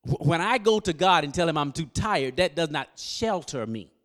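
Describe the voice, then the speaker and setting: Animated preacher man, lively high voice. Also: moderate pace. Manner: call-and-response with the congregation; animated, rising to loud exhortation. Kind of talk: sermon. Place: church service.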